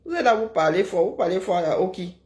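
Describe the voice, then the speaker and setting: A woman's voice: lowish voice, animated, brisk, darkish tone. Woman, middle-aged, live-stream host, teasing, sarcastic, chatty. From Kribi, Cameroon. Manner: teasing and sarcastic, with frequent "hein?" tags. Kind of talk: casual live-stream chat, answering viewer comments.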